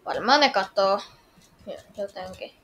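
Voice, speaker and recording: Over music, a woman with a mid-range voice and lively intonation role-plays her way through a story game. As a gamer, she offers casual, improvised commentary that is hesitant, musing, and full of questions.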